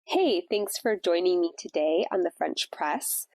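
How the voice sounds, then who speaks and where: A woman with a cold, sounding congested, hosts a devotional podcast and reflects on faith in a relaxed, conversational way. Her low voice is animated yet unhurried, and the recording is rough.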